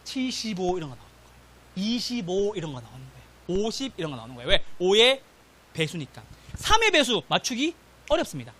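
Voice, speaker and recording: A man lecturing an exam-prep class in a classroom, his pitch leaping up and down as he talks. He fires short questions at the students, answers them himself and keeps asking whether they follow. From South Korea. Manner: animated, drills students with rapid question-and-answer, repeats "got it?". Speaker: real estate exam instructor.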